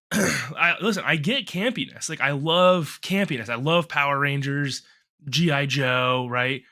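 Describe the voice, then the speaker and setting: A man co-hosting a casual podcast, rambling and swearing through animated rants, still a bit congested from a cough. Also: a little high, unhurried. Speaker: podcast co-host.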